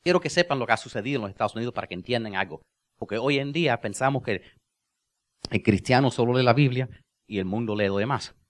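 Male pastor giving a church sermon, mid-pitched voice, jokes then slows right down to stress key lines. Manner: playful, joking asides and laughter; drawn-out emphatic phrases.

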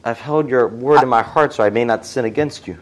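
A man giving live English interpretation of a sermon, quick and plain, echoing the preacher's quotes. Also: mid-range voice.

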